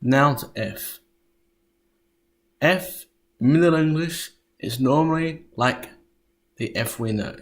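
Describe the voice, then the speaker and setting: A man presenting a history lesson as scripted narration, spelling out sounds deliberately with occasional stumbles. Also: mid-range voice.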